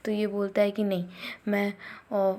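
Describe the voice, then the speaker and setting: A woman with a mellow, warm tone talks through a story in a relaxed, unscripted way. She pauses often and hesitates between phrases, speaking at a middling pitch. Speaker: drama recap narrator. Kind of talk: casual spoken plot retelling.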